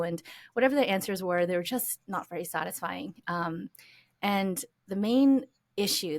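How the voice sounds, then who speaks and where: Reflective American woman, lower voice. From United States. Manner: reflective, many fillers and restarts, laughs lightly. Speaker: guest. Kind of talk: conversational interview storytelling.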